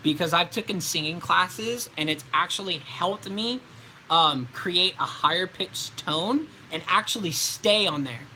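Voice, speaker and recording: A man's voice: sits high, a little slow, bright, forceful tone, a little hiss or hum, rough recording. A man who is a voice actor, answering viewer questions on his livestream in a casual, rambling way with frequent ums and likes.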